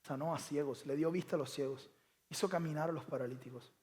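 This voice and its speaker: High-voiced, animated male preacher. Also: fast. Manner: animated, emphatic, asks the audience many rhetorical questions. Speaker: pastor. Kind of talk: sermon.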